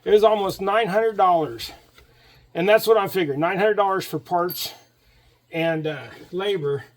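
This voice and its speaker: A man's voice: high voice, normal speed. A man giving casual, joking running commentary while he changes truck struts outdoors and talks to a helper. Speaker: DIY mechanic vlogger.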